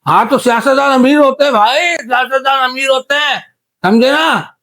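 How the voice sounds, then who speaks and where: An actor playing a deaf man in a comedy interview, who mishears every question and rambles loudly and indignantly. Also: very high voice, moderate pace, exaggerated voice. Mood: shouting lecture. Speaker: guest character in comedy interview. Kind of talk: comedy sketch acting.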